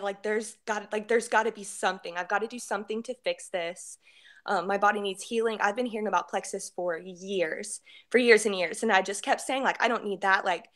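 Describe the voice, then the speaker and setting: A woman's voice: mid-range voice, a bit bright. Tearful woman telling her story. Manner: tearful, heartfelt, many fillers. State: crying at times. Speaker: guest sharing a testimonial. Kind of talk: emotional personal testimony.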